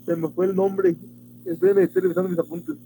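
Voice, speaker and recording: A man's voice: very high-pitched, very animated, a little fast, vocal fry, warm tone. A young man, a student answering questions in an online class, hesitant and searching for words, speaking from far away from his microphone. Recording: distant mic with faint hum.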